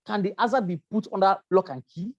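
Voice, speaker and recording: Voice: mid-range voice, quick pace, darkish tone, dry recording, highs cut off. Emphatic safety trainer with many fillers. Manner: emphatic, repeats key points, frequent um fillers. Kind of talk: lecture with slides.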